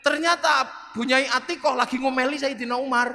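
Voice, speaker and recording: A middle-aged man giving a humorous sermon, telling stories in an animated way and acting out the voices. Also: extremely high pitch, a little fast. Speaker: preacher. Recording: reverberant hall, faint background noise.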